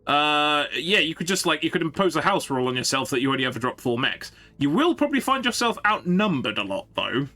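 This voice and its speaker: A man's voice: a little high, very animated, a little fast, hardly any pauses, pushed and bright, soft background music. A man chatting casually on a game live stream, rambling and thinking aloud to his viewers.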